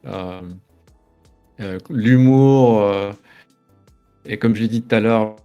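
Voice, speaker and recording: A man's voice: on the low side, slow, warm tone, smooth, dull audio, soft background music. A man in his thirties from France, a guest in a casual interview, talking in a rambling, hesitant way as he reminisces. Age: 30s.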